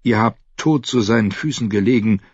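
A man voicing a grave, sorrowful boy seer who speaks slowly and heavily, as if in pain. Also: lowish voice, a little mellow, husky, no room sound, muffled recording. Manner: slow, heavy, pained.

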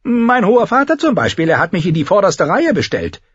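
A man voicing a sharp-tongued, sardonic dwarf lord with a high, strained, barking voice in an audiobook reading. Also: huge pitch swings, fairly quick, breathy edge, dry recording, full character voice. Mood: dry, wry. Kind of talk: audiobook character voice. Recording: dull lo-fi recording.

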